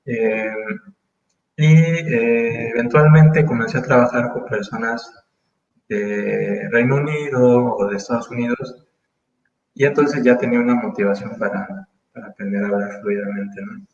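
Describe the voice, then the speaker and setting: This interview guest is a man from Mexico in his thirties, chatting casually in a reflective, halting way full of fillers, pauses, and false starts. He speaks in a mid-range voice. The audio sounds roomy and dull.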